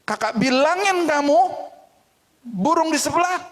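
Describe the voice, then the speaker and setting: A domineering older sibling from a sermon story, demanding and taunting, as a man acts it out. The voice is raised high and sounds bratty and bossy. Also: expressive, unhurried, fairly bright tone, full character voice.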